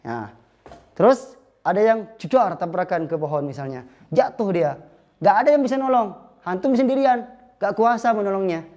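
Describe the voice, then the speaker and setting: A man's voice: sits high, expressive, normal speed, a little mellow. Male religious teacher giving a patient lesson, demonstrating with spoken examples. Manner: explains patiently, acting out short spoken examples. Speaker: Islamic teacher.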